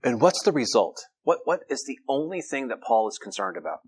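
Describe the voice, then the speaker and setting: A man's voice: mid-range voice, sing-song, a little fast, husky. A man preaching an earnest sermon, reading scripture aloud and often restarting his phrases. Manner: frequent repetitions and restarts.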